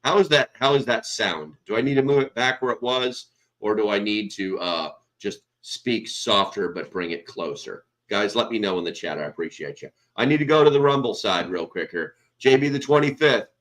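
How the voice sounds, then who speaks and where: An American man with a fairly low, somewhat bright voice hosts a casual livestream at normal speed. He rambles as he reads chat names into a small desk mic, sitting in a nearly empty room.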